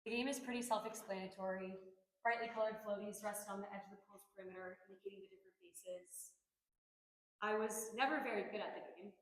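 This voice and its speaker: A woman's voice: medium pitch, fairly even intonation, fairly quick, echoey room, low-quality recording. A young woman performing a reflective personal monologue with earnest, dramatic emphasis. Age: young adult.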